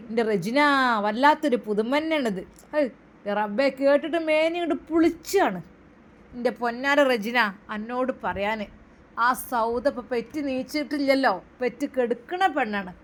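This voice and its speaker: A woman plays a nosy, rambling middle-aged neighbor woman with a Malabar Malayalam accent, chattering on in a high voice. She talks in one long nosy stream, savoring every detail in a storybook tale. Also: lively intonation, normal speed, lightly acted. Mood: gossiping.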